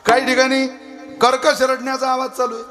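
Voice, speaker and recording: A man with a high, ringing voice delivers a devotional kirtan sermon. He slowly chants verse, then drifts into humorous storytelling and preachy asides. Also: little pitch movement, fairly bright tone, soft background music. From Vidarbha, Maharashtra.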